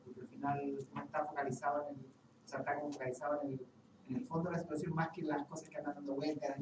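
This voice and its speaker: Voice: medium pitch, little pitch movement, fast. Participant, mid voice, rambling restarts; far off in echoey, hissy room. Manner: thinks aloud with many restarts. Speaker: workshop participant. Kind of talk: group discussion. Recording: echoey room, far from the mic, audible hiss.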